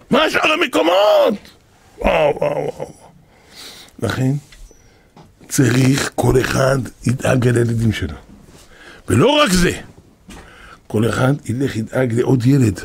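Raspy, gravelly older rabbi. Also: male voice, mid-range voice, lively intonation, long pauses. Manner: impassioned, often rising to shouts and repeating himself. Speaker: rabbi teaching a class. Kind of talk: emotional Torah lesson.

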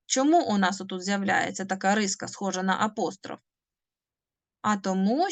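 A woman teaching a language lesson, patient and methodical, who asks questions and answers them herself. She draws out each example word slowly. Her voice sits at an ordinary middle pitch, recorded dry and close with no room sound. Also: vocal fry, no echo. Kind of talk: online lesson explaining phonetics.

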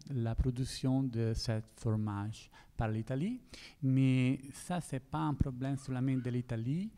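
Italian man, halting French, slow and clear. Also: medium pitch, dark tone. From Italy. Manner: halting non-native French, repeats small words while searching. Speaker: university researcher, panel speaker. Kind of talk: presentation at a round table. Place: stage of an indoor conference hall. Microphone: handheld microphone.

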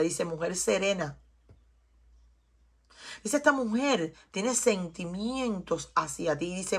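A woman's voice: mid-range voice, pushed and bright, slightly rough. A Cuban woman with a Cuban Spanish accent giving an emphatic, preachy tarot reading to her viewers, often repeating herself. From Cuba. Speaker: tarot reader.

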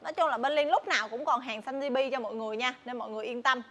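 A young woman with a southern Vietnamese accent giving a casual, chatty sales walkthrough, often pausing and repeating words. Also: fairly high pitch, pushed and bright. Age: young adult. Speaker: motorbike shop saleswoman presenting stock. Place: large tin-walled motorbike warehouse. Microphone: clip-on lapel mic.

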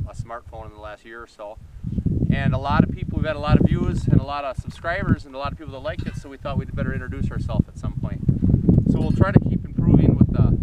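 A man in his forties, a farmer, talking casually to a phone camera outdoors in a field, folksy and rambling with many fillers. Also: mid-range voice. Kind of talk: casual vlog introduction. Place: outdoors in a farm field beside draft horses. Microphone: phone camera a few steps away. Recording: distant, dull phone audio with loud outdoor noise.

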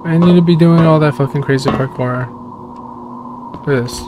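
A man's voice: a little high, moderate pace, dull audio. A man streaming his first playthrough of a horror game, swearing, trash-talking and reacting to scares as he plays. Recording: noticeable background noise.

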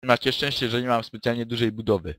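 A man playing in a tabletop game session, joking around and reacting quickly to the dice. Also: mid-range voice, fairly even intonation, a bit bright. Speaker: player. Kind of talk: casual tabletop game chat.

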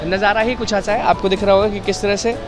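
A young man reports from inside a large shopping mall, his voice pitched high and upbeat. He repeats phrases in a presenter's patter as he speaks into a handheld mic. Clear music plays behind him. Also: fairly even intonation, quick pace, crowd noise. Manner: upbeat, repetitive presenter talk. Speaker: street reporter. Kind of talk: vox-pop reporting.

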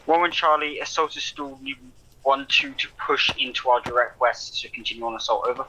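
A man's voice: medium pitch, a little fast, background noise. Guy calling in over a walkie-talkie, terse radio talk, heavy gunfire and blasts all around. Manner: terse radio procedure, callsign then "over". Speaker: section commander in a military game. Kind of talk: clipped military radio calls. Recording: loud gunfire and explosions behind. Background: gunfire, artillery and machine guns.

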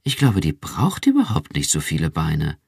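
A man's voice: very deep voice, huge pitch swings, moderate pace, vocal fry, a little mellow, slightly rough, no room sound, clean studio sound, heavily acted. A man reading an audiobook, voicing a cool, detached young female android who asks quizzical questions.

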